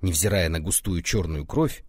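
A man reading a folk tale aloud as audiobook narration, including its footnotes, in an animated way. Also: low voice, moderate pace, husky, no echo. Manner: animated, reads notes aloud. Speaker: audiobook reader. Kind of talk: expressive scripted narration.

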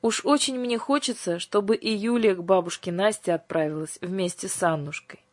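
A woman voicing a soft-hearted male guardian angel who speaks gently and apologetically, with a breathy voice. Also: mid-range voice, normal speed, no room sound, close to an everyday voice. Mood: apologetic.

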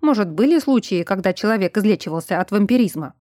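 Brun, a woman reading a gruff, wry detective. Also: medium pitch, animated, quick pace, darkish tone, no room sound, lightly acted. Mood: dry. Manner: dry, laconic remarks.

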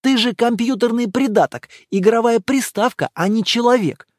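A man voicing an angry, scornful young woman who shouts at her boyfriend as she leaves him. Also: extremely high pitch, normal speed, no echo, studio quality, pitched above the performer's own voice. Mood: exasperated.

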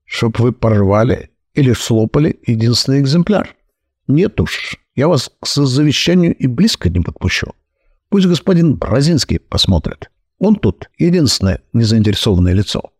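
A man voicing a calm, shrewd detective who explains matter-of-factly. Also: medium pitch, breathy edge, no echo, clean studio sound. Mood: firm. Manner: brisk, matter-of-fact explaining. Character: calm, shrewd older male detective, brisk and dry.

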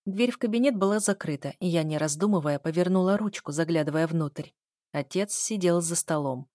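A woman's voice: lowish voice, fairly quick, warm tone, no room sound, clean studio sound. A woman narrating a first-person novel aloud in a tense, emotional reading. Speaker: audiobook narrator.

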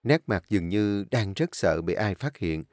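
A man narrating a first-person audio story with a measured, emotional reading. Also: on the low side, lively intonation, no echo, clean studio sound. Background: soft instrumental music.

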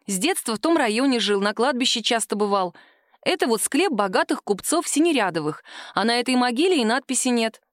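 A woman's voice: fairly high pitch, lively intonation, fairly quick, dry recording, studio quality, lightly acted. A woman voicing Sima, a determined young woman. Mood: even. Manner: raised, insistent questions.

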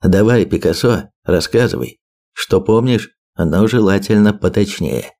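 A man's voice: lowish voice, unhurried, warm tone. A man voicing a wisecracking, blunt male expedition leader who jokes and talks in slang in an audiobook. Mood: joking. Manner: joking, slangy, mocking.

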